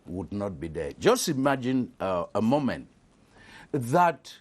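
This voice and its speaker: A man from Cameroon, a panelist on a studio discussion show, explaining in an animated way with hesitations. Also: fairly low pitch, measured pace.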